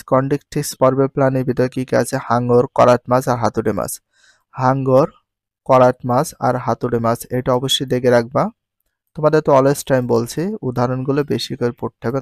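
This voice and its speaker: A male teacher with a Bangladeshi Bengali accent, drilling textbook science terms by asking questions and repeating each answer slowly. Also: medium pitch, no echo. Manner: mixes English words into his teaching.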